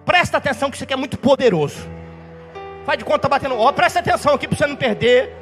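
Fiery male pastor, high voice, quick delivery, long reverb in the hall. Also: expressive. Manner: fiery storytelling preacher, shouting at peaks. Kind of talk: sermon. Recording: reverberant hall with faint music.

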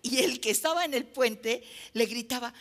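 Bright-voiced woman preaching. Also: a little high, moderate pace. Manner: emphatic, repeats phrases for effect, tells anecdotes. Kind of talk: sermon.

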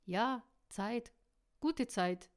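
A woman's voice: medium pitch, normal speed, creaky, warm tone, close to an everyday voice. A woman voicing a cruel male villain from a storybook reading, mocking and taunting his captives. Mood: gloating. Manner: sneering, taunting.

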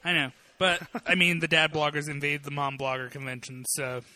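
A man's voice: on the high side, little pitch movement, a little fast, sharp tone, no room sound. A man co-hosting a podcast in casual chat, rambling with lots of fillers. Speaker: podcast co-host.

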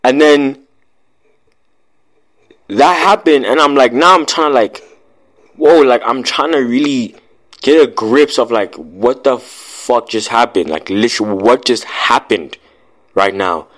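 A man's voice: mid-range voice, a bit bright. Rambling young man telling a story. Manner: rambling, fills every pause with "like"; street slang. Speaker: vlogger. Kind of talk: casual storytelling.

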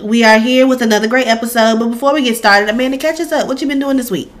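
A woman's voice: on the high side, quick pace. An American woman co-hosting a podcast in casual, informal chat with a friend, her voice stuffy from a cold. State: congested with a cold. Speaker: podcast co-host.

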